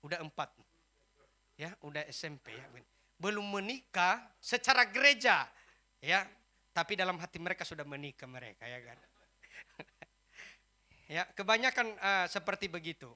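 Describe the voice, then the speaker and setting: Pastor guy preaching at church, acts out the dialogue, gets loud and punchy, really bright sharp voice. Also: on the high side, lively intonation, normal speed, long pauses. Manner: storytelling, quoting dialogue, rising to loud emphatic peaks. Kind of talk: sermon with acted anecdotes. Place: church service.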